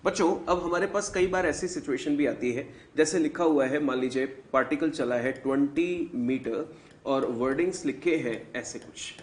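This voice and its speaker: A man's voice: fairly high pitch, normal speed. A man teaching a physics lesson, speaking to the students as children. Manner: calls students "बच्चों" and chimes in to echo answers.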